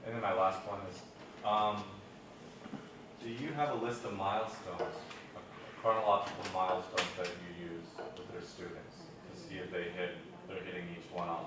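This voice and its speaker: A man's voice: low-pitched, steady tone, moderate pace. A man in the audience asking polite, orderly questions at a conference session. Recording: distant, very echoey hall, clear room noise.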